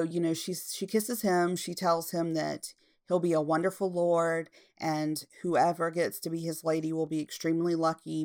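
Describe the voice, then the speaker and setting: Low-voiced woman casually recapping. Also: clear, resonant tone. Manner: relaxed, retells scenes with frequent fillers. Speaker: TV episode recapper.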